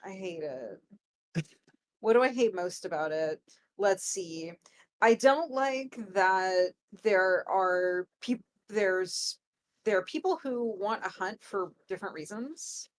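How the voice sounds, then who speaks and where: A woman co-hosts a casual recap podcast at an unhurried pace. She answers in short agreements and then lays out her views in a measured, wry way, at a middle pitch. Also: animated. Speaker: podcast co-host. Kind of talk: casual chat, reacting to a TV recap.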